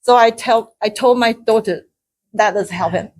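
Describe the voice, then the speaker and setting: Telling a personal story to her speaking club, the middle-aged Taiwanese woman halts frequently, starting over and repeating words. Frequent laughter breaks in, and excitement pushes her voice high and loud.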